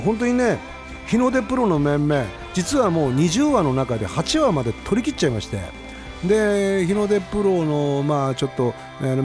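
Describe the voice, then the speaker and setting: A man's voice: fairly high pitch, darkish tone. A man in his fifties hosting a late-night radio show, chatting casually and telling rambling stories. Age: 50s. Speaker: radio host.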